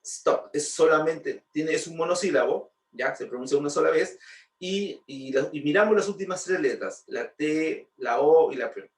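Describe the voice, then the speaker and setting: A man's voice: a little high, moderate pace, distant mic. A man teaching English grammar, patiently repeating points and checking with rhetorical questions. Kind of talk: explaining grammar lesson. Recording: roomy, voice from off-mic.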